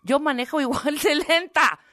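Mexican female co-host, storytelling casual chat, higher pitch, faint music bed. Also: normal speed. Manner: chatty, storytelling, acts out shouting relatives. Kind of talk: casual talk show chat.

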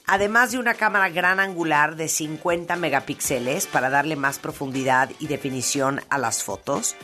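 A woman hosts a casual talk show in an upbeat, chatty manner, her voice sitting low. English is her first language, and she moves easily between banter and sponsor reads. Faint music plays under her. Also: moderate pace, sharp tone. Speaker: radio show host. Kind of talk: casual radio chat with ad reads.

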